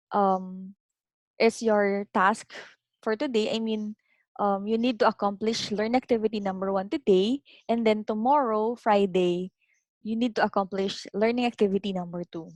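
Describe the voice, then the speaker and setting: A woman's voice: medium pitch, a little mellow, no room sound. A woman teaching an online philosophy class, explaining step by step and checking in with "okay?".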